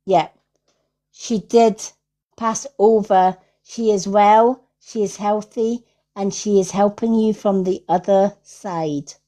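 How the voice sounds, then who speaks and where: Speaking slowly in a dark, mid-range voice with fairly even intonation, this psychic medium from Scotland hosts a livestream of casual spiritual readings. Her manner is affirming and repetitive, and she keeps tagging her lines with "right?".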